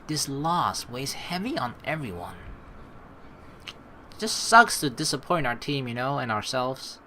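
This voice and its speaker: This let's play streamer has a mid-range voice and an unhurried pace, with a bit of hiss or hum on his close-mic recording. His playthrough commentary is casual and animated: he reads the narration out, jokes, and curses freely.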